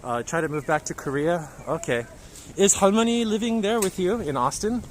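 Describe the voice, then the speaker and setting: A man's voice: high-pitched, animated, moderate pace. A man hosting a casual livestream walking tour through city streets, chatting and reading out viewer comments. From Japan. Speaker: livestream host. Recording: outdoor street recording with traffic noise. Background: traffic and street noise.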